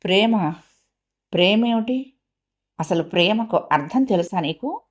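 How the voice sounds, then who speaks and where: A weary older sister, voiced by a woman reading an audio story. She asks dry, sceptical questions in an even, mid-pitched voice. She sounds tired and ironic. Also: a little slow.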